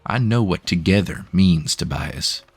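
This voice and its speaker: A man voicing a gruff, burly male outlaw gunman who blusters and grumbles. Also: sits low, animated, measured pace, faint music behind, full character voice. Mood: whispered griping.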